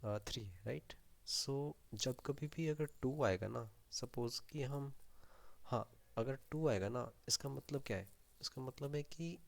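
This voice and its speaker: A man's voice: mid-range voice, vocal fry. A man explaining a programming problem aloud, mixing Hindi and English with frequent fillers. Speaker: programming tutor. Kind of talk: screen-share coding explanation.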